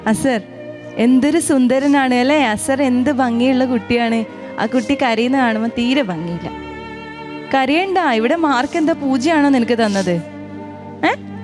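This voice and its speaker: Affectionate woman judging over music. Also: fairly high pitch. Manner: affectionate, coaxing, teasing. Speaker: judge. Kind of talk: judge's critique on a TV talent show.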